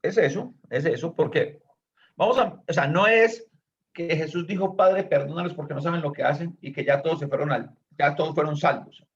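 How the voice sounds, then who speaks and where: A man's voice: a little high, normal speed. A man teaching a Bible study, explaining earnestly and stepping in to correct a student, on a dull lo-fi recording.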